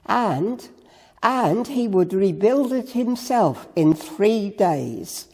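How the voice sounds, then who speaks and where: Brief: reader as a hostile male accuser, slow, husky, a hall's long reverb. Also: medium pitch, sing-song, a little mellow, voice pushed up, heavily acted. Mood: accusing. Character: accusing man, a hostile witness.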